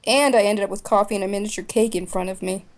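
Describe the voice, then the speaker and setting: A woman narrates a first-person story for a voice drama. She reads in a plain, even way, at a middle pitch for a woman. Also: fast. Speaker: narrator and main voice actor.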